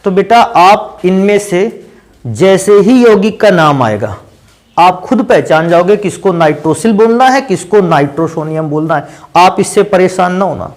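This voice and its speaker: A man with a notably high voice gives a chemistry lesson in a classroom. He explains step by step in a patient way and keeps asking his students questions as he goes. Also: lively intonation, moderate pace. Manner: patient, addresses students as "beta" and asks them questions. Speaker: chemistry teacher. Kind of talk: classroom lecture.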